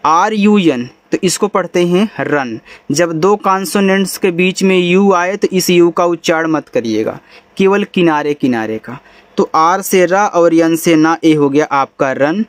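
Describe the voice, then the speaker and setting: Speaking in a fairly high, unhurried voice with no room sound, a man gives a spoken English lesson. He explains how words are spelled and pronounced patiently, in a casual, friendly tone sprinkled with bhai and yaar.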